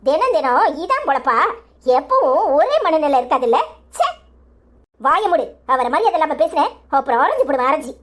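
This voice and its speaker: A performer voicing a fed-up young wife in a cartoon comedy, speaking with a Tirunelveli Tamil accent. She scolds hard in a high voice that rises and falls a lot. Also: sing-song, moderate pace, a bit bright. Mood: scolding. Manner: scolding, indignant.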